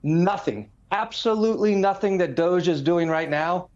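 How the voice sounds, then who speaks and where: A man's voice: high voice, moderate pace, a little mellow, highs cut off. A man who is a former congressman, speaking emphatically as a political commentator on a discussion panel. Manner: emphatic, explanatory, lists figures.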